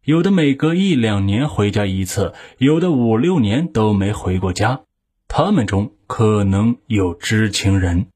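A man reading scripted true crime narration in a measured, factual way, as a storyteller of criminal cases. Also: mid-range voice, a little mellow, slightly rough.

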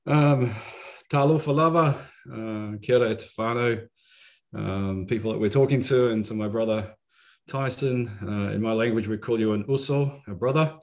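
Man, fifties, lowish voice, New Zealand accent, reflective conversational delivery, halting, frequent pauses. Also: a little mellow. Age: 50s. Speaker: podcast guest. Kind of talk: reflective conversational self-introduction.

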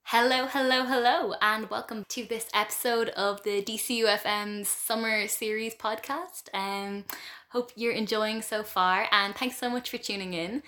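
A woman's voice: a little high, steady tone, normal speed, bright, forceful tone. A nineteen-year-old woman hosting a student podcast, chatting casually with many ums and likes. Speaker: podcast host. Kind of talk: casual interview chat. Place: student radio studio.

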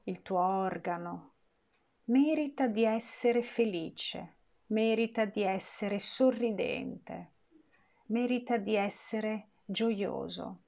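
Slow, gentle woman guiding meditation. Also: a little high, gravelly. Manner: slow, gentle, soothing delivery with long pauses. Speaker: meditation guide. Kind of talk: guided meditation.

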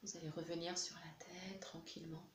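A woman leads a tapping session with calm, gentle instructions. Her voice sits low for a woman. The recording rings with room echo over a faint hiss. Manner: gentle, slow, soothing guidance. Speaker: EFT practitioner guiding a session.

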